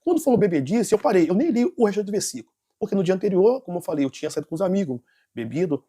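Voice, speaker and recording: A man's voice: high voice, big pitch swings, rapid-fire, warm tone, husky. A nervous man telling a personal testimony in an interview, rambling and correcting himself. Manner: rambling, with restarts and self-corrections. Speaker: interview guest giving a testimony.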